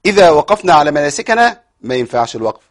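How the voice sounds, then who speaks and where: A man's voice: fairly high pitch, sing-song, racing. A man with an Egyptian accent teaching a tajweed lesson, explaining rules, asking rhetorical questions and answering them himself. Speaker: Quran recitation teacher. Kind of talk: tajweed lesson with recited examples.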